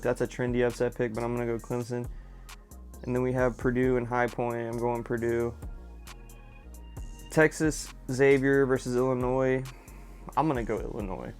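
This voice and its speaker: A young man, casually running through his picks in a relaxed, repetitive vlog chat. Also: mid-range voice. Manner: laid-back, drawling, repeats himself, filler words. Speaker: fragrance vlogger.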